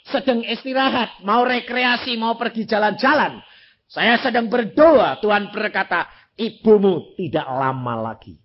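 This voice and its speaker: Older man, evangelist sermon, husky voice, lively pitch swings, dull lo-fi recording. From Indonesia. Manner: dramatic swings in pitch and loudness, acts out dialogue. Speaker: evangelist preacher. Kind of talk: sermon with storytelling.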